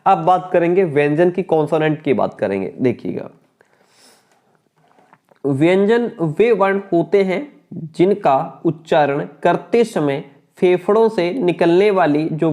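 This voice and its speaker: A man teaching an exam-prep grammar lesson, his voice sitting fairly high for a man. He works through the material by asking questions and answering them himself, repeating each key point before moving on. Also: lively intonation, a little slow, darkish tone.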